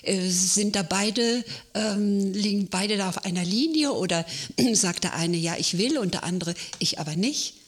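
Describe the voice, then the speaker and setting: Measured woman of eighty reading. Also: medium pitch. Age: 80s. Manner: measured, wistful reading about the old days. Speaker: podcast host. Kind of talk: reading prepared remarks, then asking questions.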